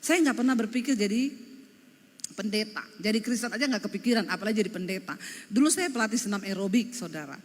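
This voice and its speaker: A woman pastor from Sulawesi with a Sulawesi Indonesian accent, preaching an animated, joking sermon. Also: mid-range voice, fast talker, long reverb tail. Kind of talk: humorous sermon.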